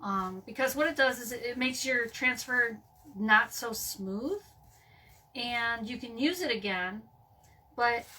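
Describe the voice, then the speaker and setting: A woman's voice: on the high side, pushed and bright, distant mic. Chatty woman doing a craft tutorial. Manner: chatty, many fillers, checks in with "okay?". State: losing her voice. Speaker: craft vlogger.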